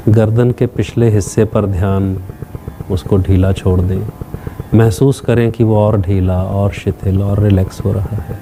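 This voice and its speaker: Calm and deliberate, a male teacher guides listeners through meditation in short instructional phrases, leaving long pauses. He has a lowish voice, and background noise can be heard.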